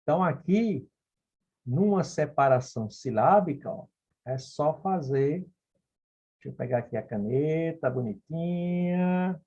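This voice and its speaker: A man's voice: fairly high pitch, expressive, measured pace, dark tone, husky. A man teaching phonetics, working through exam questions step by step and checking in with the listener. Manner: explanatory, checks in with frequent "ok?" and "beleza?". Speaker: Portuguese grammar teacher. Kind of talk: recorded phonetics lesson solving exam questions. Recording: dull lo-fi recording.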